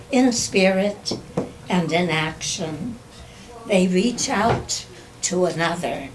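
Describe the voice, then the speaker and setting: Older woman slowly reading her poems. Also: lowish voice, recorded from a distance, background noise. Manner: slow, measured recitation. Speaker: guest poet. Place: community club room.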